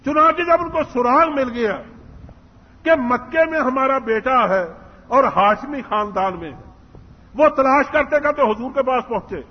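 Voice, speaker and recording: A man's voice: very high voice, husky. A man giving a religious lecture, telling a story earnestly and acting out its dialogue. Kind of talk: Islamic lecture. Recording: muffled hall recording with long reverb.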